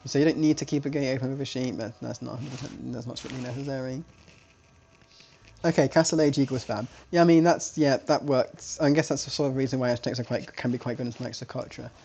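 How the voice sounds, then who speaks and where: A man's voice: mid-range voice, fairly even intonation, fast, gravelly, mellow, dull audio, slight background noise. A man casting a strategy game live, talking in a chatty, rambling way, often restarting his sentences. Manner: rambling, self-correcting, chatty. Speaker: esports caster.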